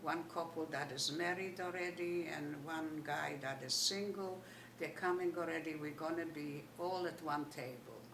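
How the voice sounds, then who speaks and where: An elderly woman from Poland with a Yiddish accent tells her life story in an animated way, retelling remembered dialogue. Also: low-pitched, normal speed. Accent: Polish Yiddish. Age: older, 80s. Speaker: Holocaust survivor giving testimony. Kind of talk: oral history storytelling. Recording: echoey room, distant mic, faint noise.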